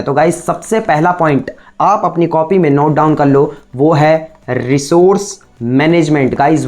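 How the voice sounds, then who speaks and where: A man's voice: a little high, darkish tone. A male teacher giving a recorded lecture, explaining step by step and constantly checking in with the class through rhetorical questions. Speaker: computer science teacher.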